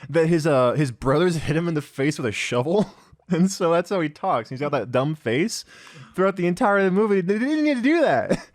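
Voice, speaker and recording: A man's voice: on the high side, animated, moderate pace, dry recording. Laughing, swearing young man, dry close mic. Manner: joking, swears a lot, laughs often. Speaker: podcast co-host. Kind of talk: casual chat.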